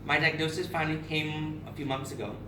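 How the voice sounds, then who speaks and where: A Barbadian man in his thirties speaks at a charity event, delivering a candid, emotional personal speech with frequent restarts. His voice is on the high side, level and brisk, captured from far off by a camera in a noisy, echoey room.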